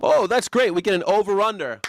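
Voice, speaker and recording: A man's voice: high-pitched, animated, brisk, a little hiss or hum. A man in his forties hosting a live stream, ranting sarcastically about the news with swearing, and reading out chat comments. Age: 40s. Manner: sarcastic, profane and rambling, reads chat comments aloud. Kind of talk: casual political comedy rant.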